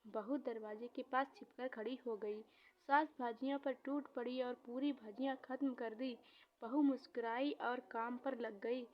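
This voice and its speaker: A woman with a fairly high voice tells a domestic story at a slow, unhurried pace. The recording is dull and lo-fi, with a faint hiss behind her voice. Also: steady tone. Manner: reads slowly, voicing both mother-in-law and daughter-in-law lightly. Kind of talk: scripted story narration.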